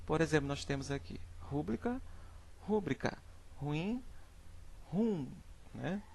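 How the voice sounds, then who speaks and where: A young adult male teacher with a Brazilian Portuguese accent presents a lesson from slides, saying each example word slowly and often checking in with "né?" and "certo?". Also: a little high, lively intonation, slight background noise. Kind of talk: classroom slide presentation on phonetics.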